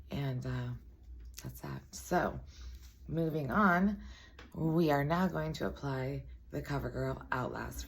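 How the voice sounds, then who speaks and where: Female, very deep raspy voice with gravelly fry, chatty casual beauty tutorial host. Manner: chatty, self-deprecating asides. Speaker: makeup tutorial presenter.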